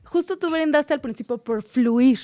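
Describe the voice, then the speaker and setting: A woman co-hosting a casual chat, animated and acting out quoted dialogue. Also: high-pitched, normal speed, no echo. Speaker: co-host.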